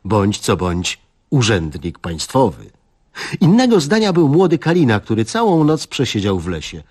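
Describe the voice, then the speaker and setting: Male comic reader, husky and lively in pitch, wry deadpan. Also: moderate pace. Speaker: narrator of a comic story. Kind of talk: comic story reading.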